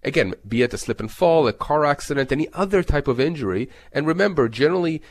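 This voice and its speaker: A man's voice: a little high, lively intonation, quick pace. Man explaining things with emphasis. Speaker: lawyer, expert guest on a legal advice show. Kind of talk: explanatory legal advice talk.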